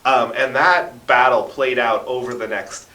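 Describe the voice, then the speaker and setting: Recorded at a distance in an echoing radio studio, a man with a mid-range, sharp voice talks steadily and a little slowly. He is an interview guest, a radio drama producer with a passion for local history, telling stories emphatically and frequently checking in with his listener.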